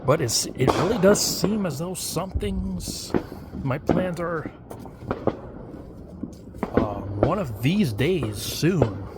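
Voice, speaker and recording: A man's voice: on the high side, animated, slow pace, long pauses, very noisy. A man vlogging outdoors at night, rambling casually with many fillers and hesitations. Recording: loud fireworks and firecrackers outdoors.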